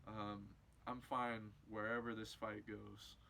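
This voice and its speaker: A man who competes in MMA, answering interview questions in a casual way, repeating himself and getting more animated when excited. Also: on the low side, slow, vocal fry, rough recording. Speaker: MMA fighter.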